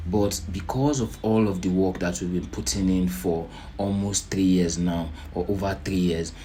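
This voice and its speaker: A man giving a slide presentation to volunteers in an unhurried, deliberate way, explaining slowly and checking in with a questioning "right?". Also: sits low, darkish tone, slight background noise. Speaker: organisation leader presenting annual plans.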